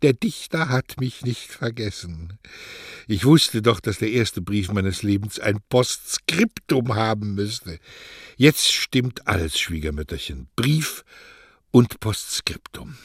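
A man voicing an eager, naive young postman in an audiobook reading, talking high and loud with excitement. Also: slow pace, slightly rough, no echo, clean studio sound, exaggerated voice. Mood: overjoyed.

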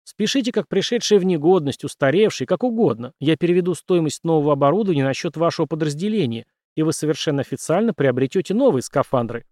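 A man's voice: a little high, animated, fast talker, hardly any pauses, darkish tone, dry recording, clean studio sound, voice pushed up, close to an everyday voice. A man voicing a shrewd, persuasive old businessman who speaks decisively. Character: shrewd old male businessman, sly fixer.

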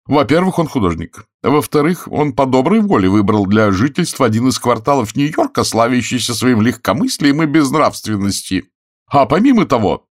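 A man in a mid-range, sing-song voice at normal speed, pitched above his own natural voice, plays a domineering wealthy matron who speaks categorically and imperiously. The recording is clean studio sound with no room sound.

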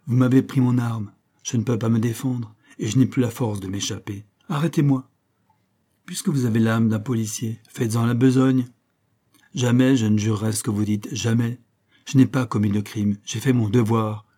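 A man's voice: medium pitch, fairly even intonation, normal speed, mellow, lightly acted. A man voicing a proud, defiant young woman revolutionary who speaks with bitter contempt in an audiobook reading. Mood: scornful.

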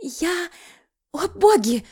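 A woman voicing a clumsy, flustered young pregnant woman who talks high and breathless. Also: very animated, drawn-out words, a little mellow, full character voice.

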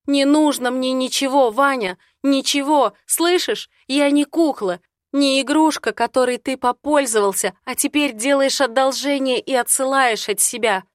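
A woman reading an audiobook, voicing an emotional young woman who pleads loudly through tears. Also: steady tone, moderate pace, dry recording, clean studio sound, lightly acted. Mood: tearful. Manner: pleading, high-pitched, loud. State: tearful.

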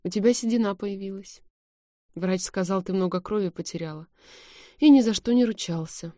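A woman voicing a devoted, protective young man, soothing and hushed, in a dry, close audiobook reading. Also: mid-range voice, normal speed, no echo, close to an everyday voice. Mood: quiet.

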